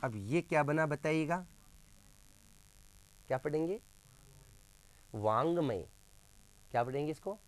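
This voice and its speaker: A male teacher leading a grammar lesson in a classroom. He keeps quizzing his students and slowly repeats sounds for them. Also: on the high side, animated.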